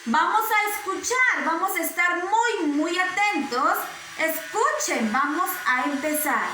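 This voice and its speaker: A woman giving a slow, coaxing lesson to small children, asking them questions again and again in a sing-song way. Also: very high-pitched, animated, noisy background. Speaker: preschool teacher. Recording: roomy echo.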